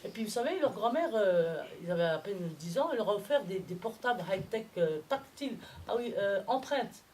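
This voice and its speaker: A woman's voice: mid-range voice, a little fast, a little hiss or hum. A middle-aged woman from France doing a chatty stand-up comedy set, acting out bits of dialogue. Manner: chatty, animated storytelling, acts out dialogue. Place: comedy club stage. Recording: comedy club with loud audience laughter. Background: audience laughing.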